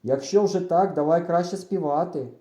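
A man's voice: on the high side, normal speed, dark tone, reverberant, pitched above the performer's own voice, natural voice. A man doing a stubborn, scoffing village boy.

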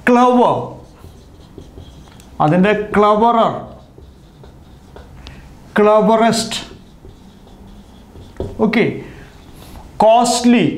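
A man with a high voice teaches a grammar lesson and works through each word form slowly, saying it again and again. The room is echoey, so his voice rings around him as it would in a bare classroom. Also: a little mellow. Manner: patient, repeats and drills each word form. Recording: roomy echo.

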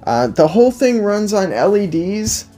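A high-pitched, warm-toned man in his twenties reviews a product casually and without a script, very animated yet a little slow. He sits at a table in front of a backdrop indoors, soft music playing, emphatic and often repeating himself.

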